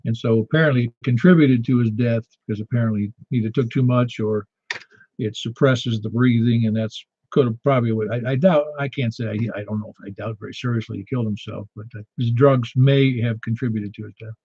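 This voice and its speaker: A man with a medium-pitched voice hosts a radio net in an informal, chatty way. The sound is dry and a little lo-fi. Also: fairly even intonation, fairly quick, breathy edge, no echo. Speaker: ham radio net host. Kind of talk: casual net control chat. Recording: slightly dull, dry lo-fi audio.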